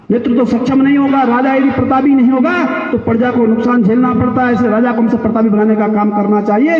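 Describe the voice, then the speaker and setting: A man with a very high, strained voice speaks at an open-air political rally, heard far from the microphone. His words boom back through a loudspeaker with a long echo and a muffled, dull tone. He speaks in a declaiming way, stacking up rhetorical questions and repeated phrases. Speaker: politician addressing villagers. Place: outdoor public gathering.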